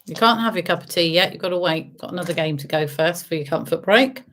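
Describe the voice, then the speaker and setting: A woman with a lowish, slightly bright voice talks fast as a bingo caller hosting an online game. She sings out repeated numbers with traditional rhymes and tosses chatty, teasing asides to the players.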